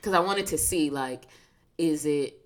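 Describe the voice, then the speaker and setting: A woman's voice: low voice, a little slow. A woman chatting casually and informally, asking questions and feeling out her phrasing as she goes.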